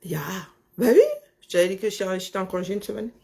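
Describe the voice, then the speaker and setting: A woman with a lisp that makes her s sounds slushy, chatting casually and haltingly, often repeating words as she thinks. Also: mid-range voice, fairly even intonation, warm tone. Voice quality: husky, creaky voice. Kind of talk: casual chat, talking to herself and on a phone call.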